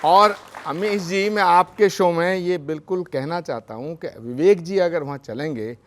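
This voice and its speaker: A man's voice: a little high, normal speed, a faint crowd, slight background noise. A man who is a spiritual leader speaking on a televised news debate, formal and devotional, earnest and emphatic.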